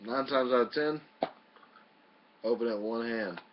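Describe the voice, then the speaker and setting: A product reviewer in a home video talks in a casual, folksy, mildly profane way, using a mid-range voice at a slightly slow pace. The home video audio is muffled and lo-fi, with background noise.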